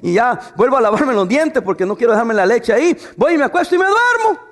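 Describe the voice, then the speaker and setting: A man's voice: extremely high pitch, sing-song, fast. A man preaching a sermon, asking rhetorical questions and telling humorous stories about his wife. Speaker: pastor.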